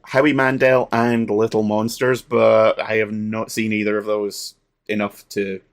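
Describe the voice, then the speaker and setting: Halting man on a film podcast. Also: lowish voice, little pitch movement. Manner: halting, with frequent "um" and "uh"; laughs often. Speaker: podcast co-host. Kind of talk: casual film discussion.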